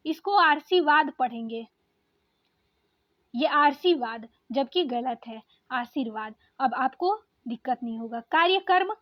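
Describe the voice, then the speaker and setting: A woman's voice: high voice, no echo. A woman teacher, explaining exam spelling step by step and repeating each word. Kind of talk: exam-prep Hindi spelling lesson. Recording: dull, slightly lo-fi.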